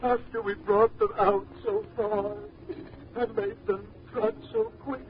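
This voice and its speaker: A man voicing a pompous, sentimental walrus in a storybook recording, speaking slowly and drawn out. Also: high voice, flat delivery, a little hiss or hum, voice pushed up. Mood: solemn. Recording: tinny lo-fi old record.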